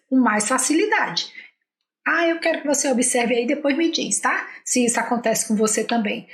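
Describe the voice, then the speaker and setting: A woman with a Brazilian Portuguese accent teaching an English lesson, patiently explaining and repeating model phrases slowly. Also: on the high side, echoey room. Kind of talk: language lesson with slow model sentences.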